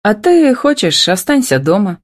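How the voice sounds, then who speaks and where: Woman voicing a feisty young wife, voice pushed up high, lively, storybook reading. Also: normal speed.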